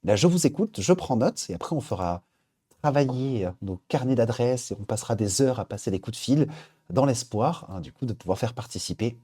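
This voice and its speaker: A man's voice: medium pitch, expressive, a little fast, dark tone, husky. A man hosting a live stream, chatting casually as he reads out viewer suggestions. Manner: upbeat, chatty, thinking aloud. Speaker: livestream host.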